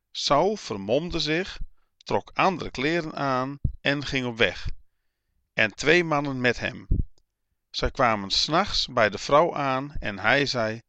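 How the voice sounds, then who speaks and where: A man reading a Bible passage aloud in a slow, measured, even way. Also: mid-range voice, no echo. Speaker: Bible reader.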